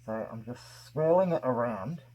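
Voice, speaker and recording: Mask-muffled man, husky craft tutorial narrator. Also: medium pitch, animated, a little mellow. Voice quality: muffled by a face mask over the mouth. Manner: unhurried, explaining step by step. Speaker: craft video host. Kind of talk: casual hands-on tutorial narration.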